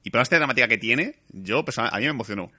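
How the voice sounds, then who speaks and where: Fast, bright man reviewing a film. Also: mid-range voice. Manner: animated, swears, acts out scenes. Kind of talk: casual chat.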